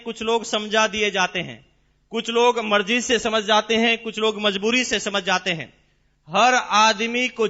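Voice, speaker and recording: A man speaking as a motivational business seminar speaker in a large hall, emphatic and repetitive, with rhetorical questions and drawn-out stresses. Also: sits high, bright, forceful tone, muffled recording.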